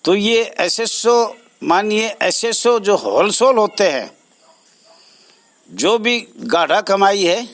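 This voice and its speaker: As an association president, a man addresses supporters directly in an earnest, halting, repetitive way, pausing between phrases. His voice is high-pitched, expressive, and a bit bright, in a dry recording.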